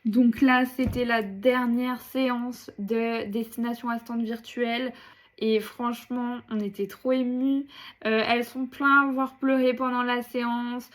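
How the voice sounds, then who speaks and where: Casting: young woman vlogger, fairly high voice, chatty and slangy, casual diary-style delivery. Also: little pitch movement, unhurried. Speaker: vlogger and business coach. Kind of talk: casual vlog chat.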